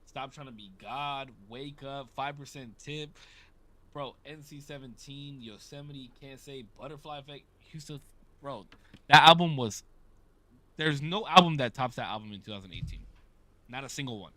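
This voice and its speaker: A man's voice: medium pitch, moderate pace, sharp tone, a little hiss or hum. A man co-hosting a casual rap podcast, emphatic and argumentative, teasing his co-hosts. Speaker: podcast co-host. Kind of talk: casual chat.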